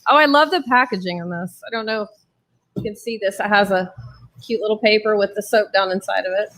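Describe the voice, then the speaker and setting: A woman's voice: medium pitch, fast, fairly bright tone. A woman co-host on a casual talk show, upbeat and giving short reactions as she tries products.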